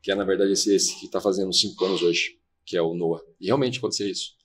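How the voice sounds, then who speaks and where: A man's voice: low-pitched, steady tone, breathy edge. A man, a podcast guest, earnestly telling a personal story and replaying conversations as they happened. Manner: fast, earnest, replays dialogue. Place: podcast studio.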